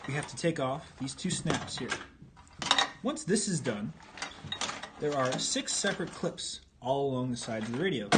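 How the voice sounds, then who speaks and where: Heavy background noise surrounds a man's mid-range voice as he explains vintage military radio equipment step by step. His hands-on demonstration is informal and plainspoken.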